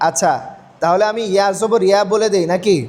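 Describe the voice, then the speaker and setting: A man teaching Quran reading step by step, asking questions and answering them himself, slowing down to spell out letters. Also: high voice, steady tone, a little mellow. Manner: slows down to spell out and recite letters. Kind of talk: step-by-step recitation lesson.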